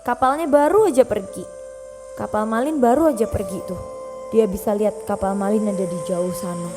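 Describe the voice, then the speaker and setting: A young woman telling a folk tale to her child at home, animated, often stopping to ask the child questions. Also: medium pitch, a little fast, over music. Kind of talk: bedtime storytelling to a child.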